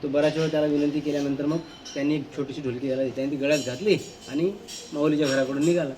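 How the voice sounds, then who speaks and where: Lively male teacher telling a story. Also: on the high side, very fast. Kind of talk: storytelling for schoolchildren. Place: school.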